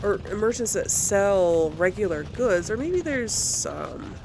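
Expressive yet slow, a medium-pitched female gaming host offers casual let's play commentary, musing aloud as she plays. The backdrop is noisy, with game music in the mix.

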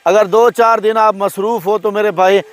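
A middle-aged Pakistani goat farmer outdoors on his farm, giving a friendly sales pitch and showing his goats to the phone camera. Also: fairly even intonation, normal speed. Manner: friendly salesman patter, keeps saying "my brother". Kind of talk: casual sales vlog. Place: outdoors on a farm by open fields. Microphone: handheld phone camera.

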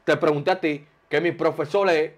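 A man's voice: fairly high pitch, steady tone, moderate pace. A Dominican man giving a joking interview, boastful and rambling, tossing in broken English. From Dominican Republic. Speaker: interview guest.

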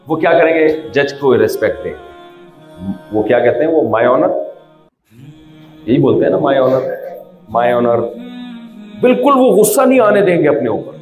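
A man's voice: a little high, roomy sound, poor audio. A man giving an informal religious talk, conversational, asking rhetorical questions and acting out little exchanges. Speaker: Islamic preacher.

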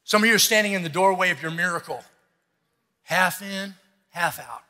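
Male pastor, sermon delivery, emphatic and bright-edged, amplified with long hall reverb. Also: sits high, normal speed. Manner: emphatic, exhorting, repeats phrases for effect. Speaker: pastor preaching. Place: large church stage, indoors.

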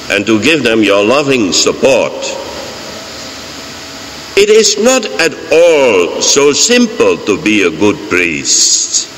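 Older dutch priest preaching, slow and deliberate, pulpit mic, big echoey church. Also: male voice, on the low side, a bit bright. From Netherlands. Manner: slow, deliberate, emphatic with repeated phrases. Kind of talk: homily. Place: large church, indoors. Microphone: fixed mic on pulpit. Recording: church reverb, faint hiss.

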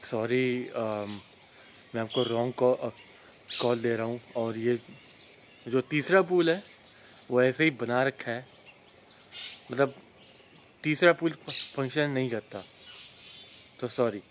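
Slow-talking young man vlogging outdoors. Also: medium pitch, a little hiss or hum. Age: young adult. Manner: chatty, self-correcting, joking asides. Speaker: travel vlogger. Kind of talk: casual walking vlog. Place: outdoors in a wooded resort. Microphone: phone held at arm's length. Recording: faint outdoor ambience with birds.

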